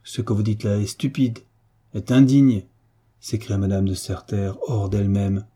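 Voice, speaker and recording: A man's voice: medium pitch, normal speed, dark tone, breathy edge, lightly acted. A man voicing an anxious, scheming aristocratic mother, a duchess, who exclaims and pleads indignantly. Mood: outraged.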